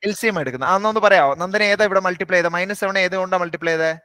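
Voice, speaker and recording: A man teaching a live online maths class, briskly quizzing and coaxing students by name. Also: high-pitched, bright, forceful tone, smooth, no echo.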